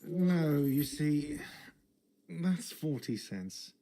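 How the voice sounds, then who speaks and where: A man's voice: a little high, lively intonation, extremely slow, mellow, exaggerated voice. An actor voicing a grumpy, money-minded male cafeteria manager in a video game, curt and irritable.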